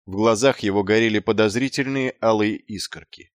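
A man narrating a fantasy audiobook in a lively, theatrical reading. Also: on the low side, brisk, dry recording, clean studio sound.

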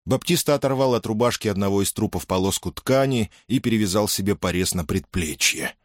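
A man narrating an audiobook in a measured, even storytelling manner. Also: fairly low pitch, no room sound, clean studio sound. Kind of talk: scripted narration.

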